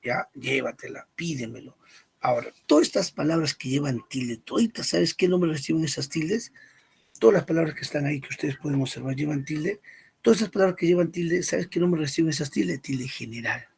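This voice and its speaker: A male teacher giving a grammar lesson, repeating key points and checking understanding with quick questions. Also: fairly high pitch, gravelly, a little mellow, breathy edge. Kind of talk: spoken language lesson.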